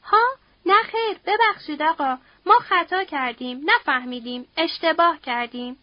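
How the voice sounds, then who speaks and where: Desperate servant mother in an audiobook, as a woman reader puts her on; high pleading voice, dry lo-fi sound. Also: no echo, lightly acted. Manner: pleading, submissive, tearful. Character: frightened humble mother begging for mercy.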